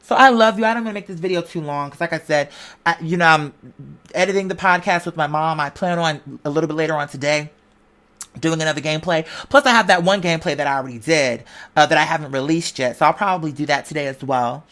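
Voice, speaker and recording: A low but fairly bright woman's voice moves at a quick pace. She's a vlogger delivering a casual, slangy motivational speech marked by forceful, preacher-style repetition.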